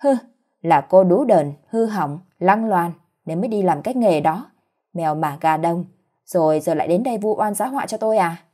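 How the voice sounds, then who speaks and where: A scornful middle-aged mother-in-law snaps and sneers in a shrill, scolding tone, as a woman storyteller puts her on. Her voice sits low, dark and husky. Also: lively intonation, moderate pace.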